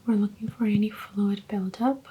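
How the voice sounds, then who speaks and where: A woman whispering softly as a clinician in a roleplay, calmly giving gentle step-by-step instructions during a check-up. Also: mid-range voice, moderate pace, background noise. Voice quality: soft whisper. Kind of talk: ASMR medical exam roleplay.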